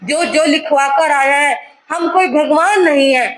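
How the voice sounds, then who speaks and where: A helpless doctor gives bad news in a resigned, matter-of-fact tone, as a woman storyteller voices him. His voice sits high and plain. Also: measured pace, a little hiss or hum.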